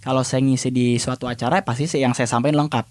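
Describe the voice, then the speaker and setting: A man's voice: mid-range voice, steady tone, fast talker, darkish tone, no echo. A man talking as a public speaking trainer and podcast guest, casually explaining his points with everyday examples and acted snippets of dialogue.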